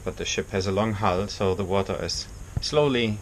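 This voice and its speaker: Very deep-voiced man, non-native English speaker. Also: normal speed, rough recording. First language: not English. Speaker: boat owner giving a video tour. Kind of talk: informal vlog walkthrough. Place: small engine compartment inside a boat. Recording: clear background noise in engine room.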